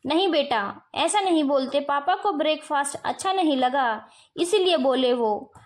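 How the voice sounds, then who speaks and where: A woman voicing a patient, soft-spoken wife and mother who calms her family. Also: high voice, unhurried. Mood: soft, placating. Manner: soft and placating.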